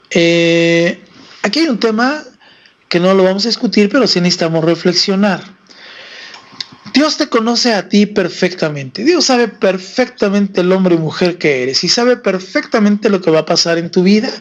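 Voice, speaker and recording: A man's voice: high-pitched, highs cut off. A man preaching on a live stream about faith, asking the audience rhetorical questions, with a Mexican Spanish accent.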